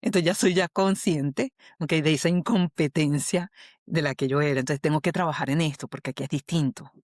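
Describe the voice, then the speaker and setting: Her voice deep and darkish, a Venezuelan-accented woman speaks a little fast while explaining a model as a podcast guest. An HR specialist and coach, she teaches patiently and regularly checks the listener follows, in clean studio sound without echo.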